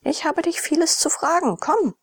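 A woman's voice: sing-song, normal speed, creaky, a little mellow, no room sound, full character voice. A woman voicing a haughty, commanding rich young lady in an audiobook, speaking in an imperious manner. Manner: imperious, high-pitched.

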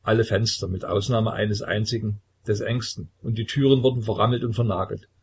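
A man narrating a literary novel in a measured, grave reading. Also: lowish voice, fairly even intonation, gravelly, a little hiss or hum. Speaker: audiobook narrator.

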